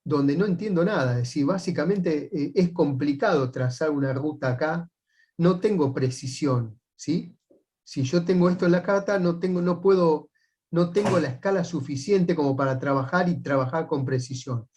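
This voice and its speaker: Rioplatense man teaching, fairly high voice. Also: normal speed, darkish tone. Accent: Rioplatense Spanish. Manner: checks in often with rising "right?" tags; patient, methodical step-by-step explaining. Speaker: sailing instructor. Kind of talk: explanatory class lecture.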